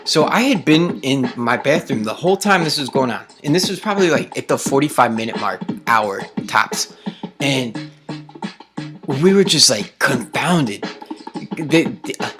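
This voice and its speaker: A young man talking casually to camera at home, rambling excitedly and swearing, his voice jumping up when he quotes himself. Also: mid-range voice, measured pace, music in the background. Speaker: vlogger recounting a trip.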